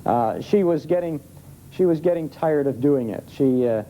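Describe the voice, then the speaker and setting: On a noisy vintage TV broadcast, an American man appears as an old-time radio expert in a live interview before a studio audience. His voice is on the high side, warm and expressive, and he explains things conversationally at a normal speed.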